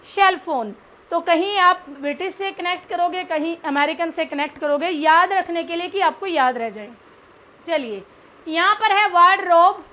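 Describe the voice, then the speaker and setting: A woman with an Indian accent teaching an online English lesson, explaining slowly and repeating each word as she mixes Hindi and English. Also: very high voice, fairly bright tone.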